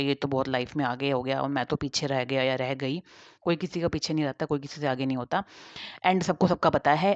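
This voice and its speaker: A woman advice vlogger with a deep, darkish voice speaks informally and directly to her viewers in a casual monologue. The recording is dry, dull, and lo-fi.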